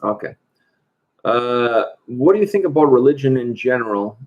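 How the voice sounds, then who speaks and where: During a relaxed livestream, a chatty man born in Portugal reads out questions from viewers and answers them. He speaks at a normal pace with a medium pitch and lively intonation, though the audio sounds muffled.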